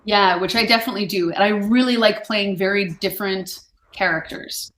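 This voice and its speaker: Bright, higher-voiced woman in an echoey room. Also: steady tone, fairly quick, a little hiss or hum. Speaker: online English tutor and stage actor. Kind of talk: casual video-call lesson chat. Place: indoor room on a video call.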